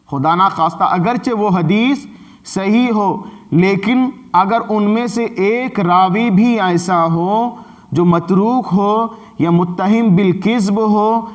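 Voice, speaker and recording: A man with an Indian Urdu accent teaching a Quran recitation lesson in a mosque, explaining patiently and slowing down to chant his examples. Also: high-pitched.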